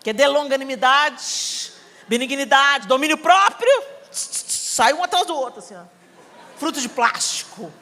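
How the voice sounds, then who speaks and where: A middle-aged Brazilian woman preaching a sermon, telling a family story with animated acting and bursts of shouting. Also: sits high, normal speed. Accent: Brazilian Portuguese. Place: church hall. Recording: reverberant hall, live sermon.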